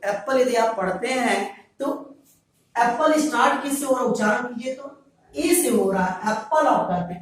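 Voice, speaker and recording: A man's voice: extremely high pitch, a little hiss or hum. A male teacher giving a grammar lesson to students, repeating each point and answering his own questions. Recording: very echoey room, voice far from mic.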